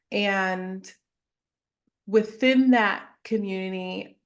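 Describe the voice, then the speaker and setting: A woman therapist guesting on a podcast, explaining her work in a measured, steady way. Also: medium pitch, creaky. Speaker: therapist and wellness founder, guest. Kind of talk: podcast interview conversation.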